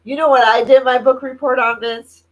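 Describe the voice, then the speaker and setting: A woman's voice: high-pitched, steady tone, moderate pace, rough recording. Chatty, laugh-prone woman hosting a live stream. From Indiana, United States. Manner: chatty, laughs often, reads viewer comments aloud. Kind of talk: casual live-stream chat.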